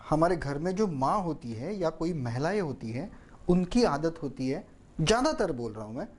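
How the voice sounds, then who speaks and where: A man teaches public speaking. He talks in a slow, deliberate way, pausing often to let points land. His voice sits fairly high and swings up and down a great deal. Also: a little mellow. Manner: slow, deliberate delivery with long pauses and demonstrations. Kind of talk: spoken lesson.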